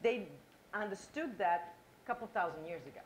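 Expressive and moderately paced, this medium-pitched middle-aged woman from Croatia speaks with a Croatian accent during a lecture-hall conference talk. She engages listeners by asking them questions, over slight background noise.

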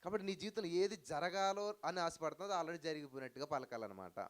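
A male pastor preaching a sermon to a live congregation, with rhetorical questions and loud hallelujah cries. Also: on the high side, quick pace. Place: church hall with live audience.

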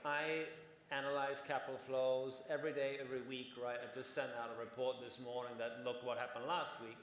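Delivering flatly but briskly, a forty-something man on a conference panel explains things at length, often tagging on "right?". His medium-pitched voice is fairly bright, the large stage hall echoes with long reverb, and a little hiss or hum sits underneath.

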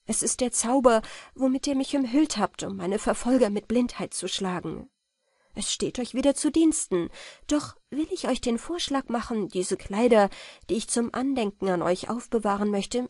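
Frau spricht eine gerührte, edle Gräfin. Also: female voice, fairly high pitch, no echo, studio quality, pitched above the performer's own voice. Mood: gracious. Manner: formal old-fashioned speech, rising excitement. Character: grateful noble countess, warm and emotional.

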